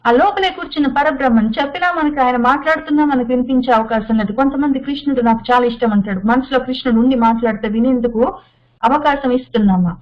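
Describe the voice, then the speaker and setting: A woman teaching the Bhagavad Gita in an unhurried spiritual discourse, listing examples and asking rhetorical questions. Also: sits high. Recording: dull lo-fi sound.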